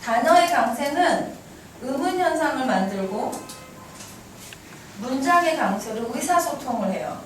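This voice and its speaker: Brisk teasing lady teacher, kinda high voice, far off in a boomy noisy classroom. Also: animated, very echoey. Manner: brisk, teasing, quizzes students. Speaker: English teacher. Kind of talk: classroom lecture.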